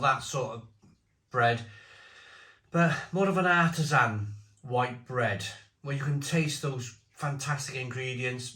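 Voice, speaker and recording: A British man with a chesty cough gives a casual, halting review, often repeating phrases as he muses. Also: mid-range voice, fairly bright tone. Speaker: beer reviewer. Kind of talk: casual spoken review to camera. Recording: echoey room.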